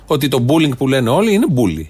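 A man co-hosting a satirical political chat, talking in a dry, ironic, drawn-out way. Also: mid-range voice, very animated, darkish tone, slightly rough. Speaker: podcast co-host.

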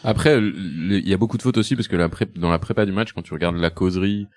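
A man's voice: sits low, quick pace, no echo. A man discussing football casually as a pundit on a panel.

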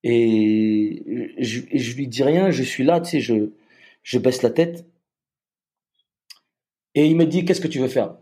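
A man, a soldier, telling a personal story in a halting way, with many repeated restarts. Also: medium pitch, mellow.

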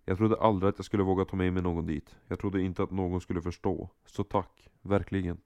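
A man playing a caring young boyfriend in an audio drama, speaking softly and affectionately. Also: low-pitched, little pitch movement, no echo. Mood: grateful. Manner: soft, affectionate and playful. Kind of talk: amateur audio drama acting.

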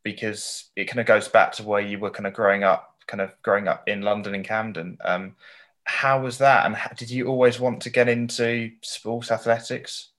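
A man's voice: lowish voice, fairly even intonation, normal speed, fairly bright tone. A man hosting a casual podcast interview, asking loosely phrased questions in a hesitant way.

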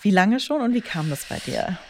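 A woman hosting a podcast, asking questions casually with quick friendly backchannels. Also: mid-range voice, very animated, slight background noise. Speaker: podcast host. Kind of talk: casual interview.

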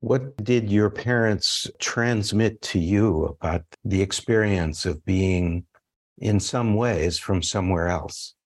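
A man hosting an interview, reading an introduction and asking measured, formal questions. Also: fairly low pitch. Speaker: interviewer host.

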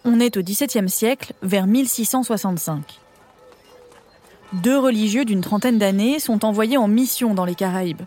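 A woman's voice: medium pitch, moderate pace, warm tone, soft background music. A woman narrating a scripted history documentary with conversational touches.

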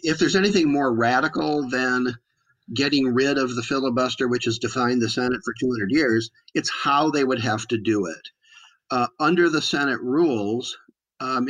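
An American man gives interview answers as a political expert. His voice is mid-range, and he stresses his points with repetition while often halting to find the next phrase. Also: mid-range voice, fairly bright tone, low-quality recording. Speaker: expert guest.

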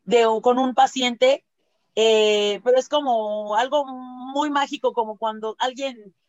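A woman's voice: a little high, takes it slowly, no echo, highs cut off. A woman with a Mexican accent, a laughter-doctor guest, chatting casually and acting out quotes as she tells stories. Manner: lively storytelling, often acts out quotes; frequent tag questions and fillers. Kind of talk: casual interview chat.

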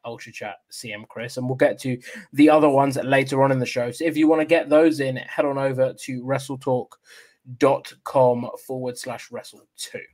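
A man hosting a wrestling news show in a casual, chatty style, often halting and restarting his sentences. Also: medium pitch, steady tone, darkish tone.

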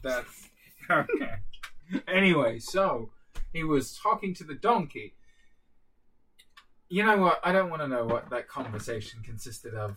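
A man's voice: on the high side, expressive, unhurried, pauses often, fairly bright tone, distant mic, rough recording. A man playing in a tabletop game, chatting casually and laughing often. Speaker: player. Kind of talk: casual tabletop play chat.

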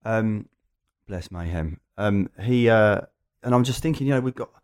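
Man, Essex accent, lowish pitch, casual podcast guest, anecdotal. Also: normal speed, a little mellow. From Essex, England.

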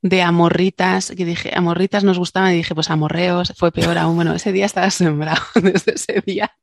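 A woman's voice: fairly low pitch, level tone, normal speed, gravelly, no echo, clean studio sound. A woman co-hosting a casual science podcast, a linguist who chats, jokes and explains things with digressions. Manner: chatty, joking, explains with digressions.

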